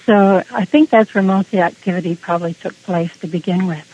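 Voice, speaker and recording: A woman's voice: on the low side, fairly quick, a little mellow. Woman guest with dull lo-fi sound. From Canada. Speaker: interview guest. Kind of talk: casual conversational storytelling.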